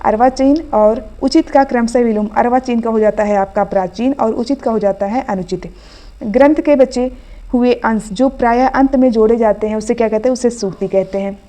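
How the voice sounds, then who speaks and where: Hindi tutor woman, mellow and high. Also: moderate pace. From India. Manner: quizzing, asks then answers each question. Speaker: online Hindi teacher. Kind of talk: exam revision lesson.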